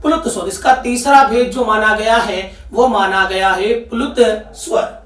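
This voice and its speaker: High-pitched man teaching, echoey room. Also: measured pace, fairly bright tone. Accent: Rajasthani Hindi. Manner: asks the class questions and answers them himself. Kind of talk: exam-prep grammar lesson. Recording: echoey room, voice picked up from a distance.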